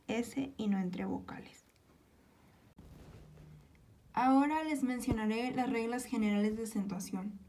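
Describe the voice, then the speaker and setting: A woman slowly reading out spelling and accent rules, listing example words one by one in a careful, measured way. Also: a little high, darkish tone.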